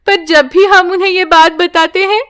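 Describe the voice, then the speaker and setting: A woman's voice: extremely high pitch, fairly even intonation, moderate pace, fairly bright tone, voice pushed up. A woman playing a devoted village mother. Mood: pleading. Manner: pleading, protective.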